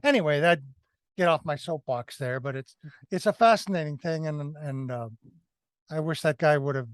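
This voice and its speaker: In a relaxed film-review chat, this male podcast co-host has a smooth, fairly high voice. His explanations come out in a halting way as he keeps restarting and correcting himself. The recording is close and very dry, with no room echo at all.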